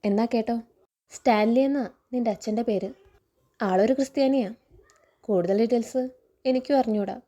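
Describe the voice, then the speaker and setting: A betrayed, hard-questioning middle-aged man, read out by a woman in her own fairly high, mellow voice. He speaks in reproachful, probing questions. The telling stays close to plain storytelling speech. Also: normal speed, pauses often, lightly acted. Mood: stern, probing.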